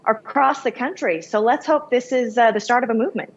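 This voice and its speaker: A woman files a scripted news report in a brisk, upbeat way. Her voice sits fairly high, and the recording sounds a little muffled and lo-fi. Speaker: news correspondent.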